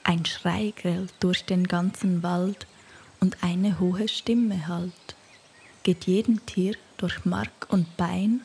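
A woman narrating a rhyming children's storybook in a soft, half-whispered voice. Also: on the low side, fairly even intonation, takes it slowly, creaky, husky.

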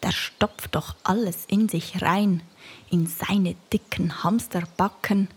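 A woman narrating a rhyming children's storybook in a soft, half-whispered voice. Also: lowish voice, fairly even intonation, slow pace, husky.

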